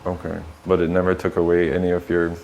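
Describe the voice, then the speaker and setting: A woman's voice: very deep voice, completely flat delivery, fast, a little mellow, highs cut off, a little hiss or hum. A woman hosting an interview, prompting her guest with affirming questions and frequent short agreement sounds. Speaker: interviewer host.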